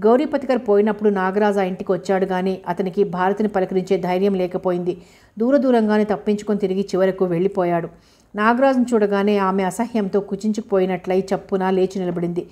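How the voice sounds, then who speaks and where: A woman narrating a novel aloud as an audiobook, in a steady, measured reading. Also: medium pitch.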